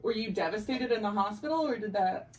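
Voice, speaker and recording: A woman's voice: mid-range voice, brisk. A woman hosting a podcast who talks in a frank, chatty way, full of likes and you knows. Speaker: podcast host. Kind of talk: casual podcast chat. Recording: echoey room, distant mic, crowd behind.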